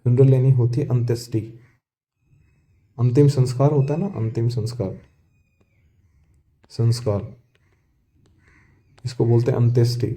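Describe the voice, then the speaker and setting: A man's voice: mid-range voice, little pitch movement, dark tone. A male teacher explaining an English story line by line, asking questions and answering them himself and repeating key words. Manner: reads English text lines slowly and deliberately.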